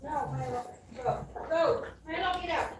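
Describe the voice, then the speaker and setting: A woman's voice: high voice, a little slow. A woman talking off to the side, away from the microphone, in a distant, noisy recording.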